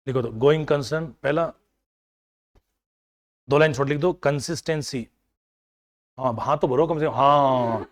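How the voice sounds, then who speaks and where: Man coaxing a class of students. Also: fairly high pitch. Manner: coaxing students to recall answers; everyday household examples, mixing in English terms. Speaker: accounting teacher. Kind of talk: classroom lecture.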